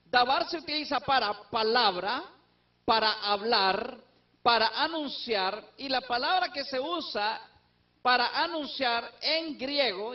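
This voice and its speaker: A man teaching a Bible study who explains step by step and asks and answers his own questions. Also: very high-pitched. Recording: distant, dull lo-fi recording.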